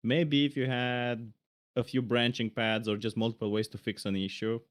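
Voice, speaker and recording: A man with a medium-pitched, level voice speaks at a moderate pace while co-hosting a casual livestream. He reviews game jam entries with blunt, opinionated critiques.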